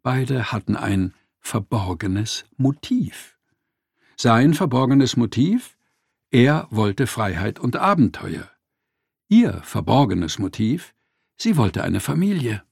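A man tells a story in scripted narration, expressive with a wry edge. His voice is gravelly and husky, and his pitch moves animatedly through each sentence. The recording is dry, with no room sound. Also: no room sound.

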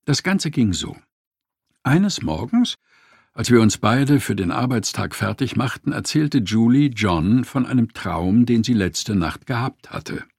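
A man narrating a nonfiction audiobook in an expressive storytelling manner. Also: mid-range voice, measured pace, gravelly, breathy edge, no echo, studio quality.

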